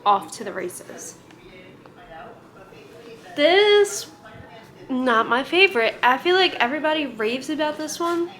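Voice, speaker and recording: A young woman chatting casually and candidly in a book vlog, sometimes hushing her voice. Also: high-pitched, animated, slow, long pauses. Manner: chatty, candid, often drops to a hushed voice at night. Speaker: book vlogger.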